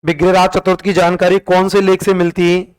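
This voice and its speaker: A man's voice: sits high, completely flat delivery, brisk, clear, resonant tone, rough recording. A man teaching history, drilling facts through repeated questions and sing-song counting in call-and-response revision.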